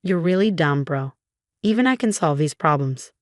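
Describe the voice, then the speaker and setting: A woman's voice: low-pitched, animated, normal speed, no room sound, clean studio sound. A woman narrator voicing a spoiled younger boy who taunts his brother. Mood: taunting.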